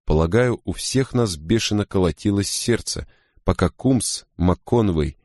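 A man reading a first-person story as an audiobook narrator, in a steady, grave way. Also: low-pitched, a little slow, no echo, clean studio sound.

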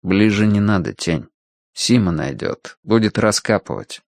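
A big, kindly grown man in a storybook, speaking low, slow and soothing, as a male narrator voices him. The voice sits deep and close, dry and plain. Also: sing-song, vocal fry, a little mellow, no room sound, full character voice. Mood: gentle.

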